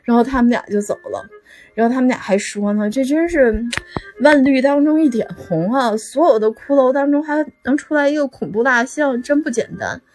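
A woman's voice: high voice, brisk, a little mellow, lightly acted. A woman voicing a hapless young male student who posed as a wax figure, rambling with many fillers. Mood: rueful. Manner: rambling, full of "then" fillers.

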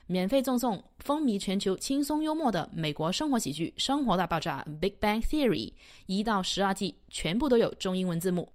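A woman teacher reads a promotional announcement in an upbeat, sales-pitch manner. Her voice sits at a medium pitch.

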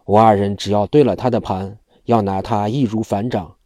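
A man voicing worried male county constables in a storybook reading, sighing over their case, with a low, dark voice. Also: steady tone, moderate pace, no echo, studio quality, close to an everyday voice.

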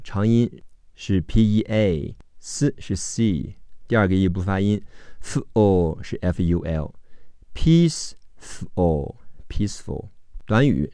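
A man teaching English vocabulary, slowly spelling out each word's letters and sounds. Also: lowish voice, dark tone, no room sound. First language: Chinese. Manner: slow, deliberate spelling-out of word sounds. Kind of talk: vocabulary phonics lesson.

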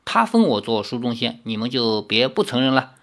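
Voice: medium pitch, big pitch swings, a little fast, a bit bright, pitched below the performer's own voice. A reader voicing a pompous old male scholar spirit who lectures in a pedantic way, in an audiobook reading. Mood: lecturing.

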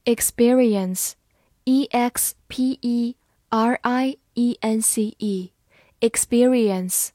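A woman's voice: on the high side, warm tone, no room sound. A woman teaching English vocabulary, spelling each word out letter by letter and explaining it step by step. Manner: slow, spells words letter by letter.

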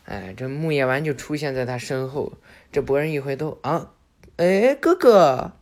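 A man's voice: mid-range voice, fairly even intonation, fairly quick. Chatty storyteller man. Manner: chatty, joking, self-correcting. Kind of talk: playful anime plot retelling.

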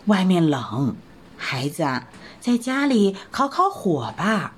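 A woman voicing a gentle, caring mother rabbit who speaks in a soothing, motherly way. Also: on the low side, very animated, takes it slowly, slightly rough, voice pushed down, full character voice.

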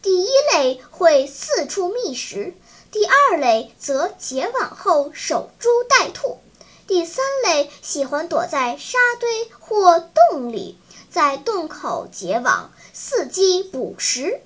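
A woman narrating a children's story in a slow, sing-song, teacherly way. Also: very high voice, sing-song.

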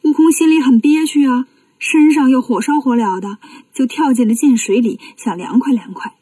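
Warm, lively woman telling a children's story. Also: high voice, moderate pace, no echo, recorded from a distance.

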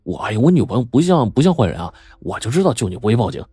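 Guy doing a nervous teen boy, stutters a lot, whiny high husky voice, a bit sneaky. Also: very animated, fast talker, dark tone, no echo, clean studio sound. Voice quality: stammering. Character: scared stammering teenage nephew, sly.

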